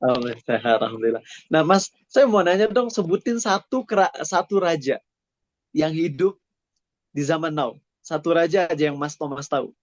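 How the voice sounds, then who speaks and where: A man's voice: a little high, expressive, moderate pace, no room sound, lo-fi sound. A male Islamic preacher giving a casual sermon to students, chatty and friendly, slipping English phrases into his talk.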